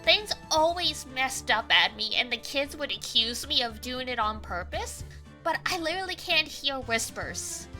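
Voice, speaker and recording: A woman's voice: high-pitched, expressive, unhurried, bright, forceful tone, soft background music. A Canadian woman with a cute anime-girl voice, chatting casually and animatedly as she streams a video game. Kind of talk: casual livestream chat over a video game.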